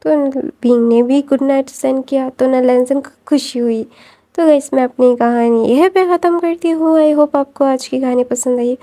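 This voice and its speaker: A hoarse woman casually retelling a fan fiction story, rambling with many fillers and restarts. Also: high-pitched, fairly even intonation, moderate pace, warm tone.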